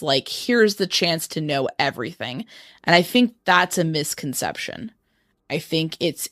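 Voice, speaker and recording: A woman's voice: deep voice, a bit bright, dry recording, clean studio sound. A woman co-hosting a podcast, talking through a criminal trial in an informal, explanatory, conversational way. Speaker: podcast host. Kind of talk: conversational true-crime trial commentary.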